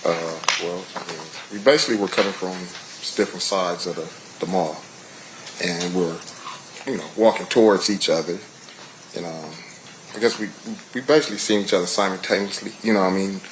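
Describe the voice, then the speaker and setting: A middle-aged American man giving witness testimony in a casual, colloquial way, halting and often saying "you know". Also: low-pitched, slight background noise, low-quality recording. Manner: hesitant, halting, peppered with 'you know'.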